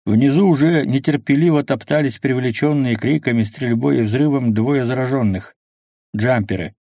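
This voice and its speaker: Male narrator, audiobook, steady reading, middle pitch, dry sound. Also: dry recording.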